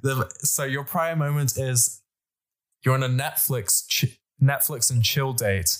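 A man's voice: mid-range voice, measured pace. Playful man hosting a podcast. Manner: playful, leading games and questions. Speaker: podcast host. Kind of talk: casual chat.

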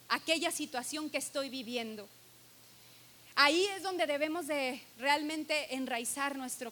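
A woman's voice: high-pitched, bright, forceful tone. A woman preaching a sermon to her church, earnest and emphatic, stressing key words and reading scripture aloud.

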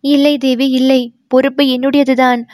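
Woman doing a distraught, weeping young noblewoman for an audiobook, high and dry. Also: little pitch movement, normal speed, a little mellow, no echo, close to an everyday voice. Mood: distraught pleading. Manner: pleading, voice raised higher.

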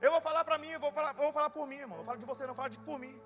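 High-voiced impassioned male preacher. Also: rapid-fire, long reverb tail, soft background music. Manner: impassioned preaching, swinging from hushed to loud. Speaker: pastor. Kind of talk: sermon.

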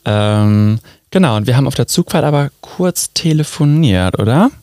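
A man's voice: medium pitch, lively intonation, normal speed, darkish tone, dry recording. A man co-hosting a podcast in casual chat, making dry, teasing remarks. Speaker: podcast co-host.

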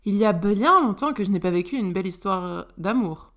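A woman reading a story aloud, voicing a stylish, sharp-tongued young woman who teases the others with playful, mocking banter. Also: medium pitch, animated, a little fast. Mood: teasing.

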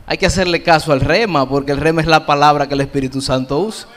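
A middle-aged male pastor preaching a sermon, slowing down to stress key phrases. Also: on the high side, steady tone.

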